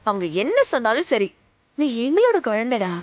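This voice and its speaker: An actress playing a caring young stepmother who gently coaxes and soothes a frightened little girl in a TV serial. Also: on the high side, sing-song, moderate pace, highs cut off. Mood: soothing. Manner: gentle, coaxing, soothing a crying child. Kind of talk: TV serial acting.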